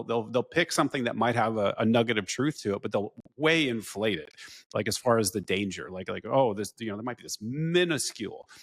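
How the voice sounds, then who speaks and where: A man's voice: on the low side, a bit bright, no echo, studio quality. A man hosting a podcast, giving his opinions in casual, outspoken talk. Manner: opinionated, conversational, uses casual swearing. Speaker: podcast host. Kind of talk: casual conversation.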